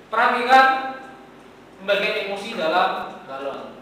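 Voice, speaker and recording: A man lectures a class, talking casually and quizzing his students as he goes. His voice sits high and bright. It comes from far off in a classroom with a long, echoing reverb and a faint hum of ambience. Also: big pitch swings, moderate pace. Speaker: teacher.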